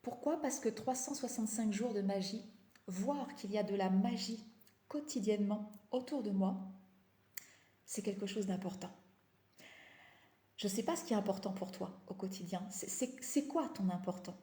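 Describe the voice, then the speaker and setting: A tired woman with a slight lisp and slushy s sounds chats motivationally on a live stream, repeating phrases for emphasis in a halting way. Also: medium pitch, warm tone. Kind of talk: casual motivational live chat. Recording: echoey, roomy sound.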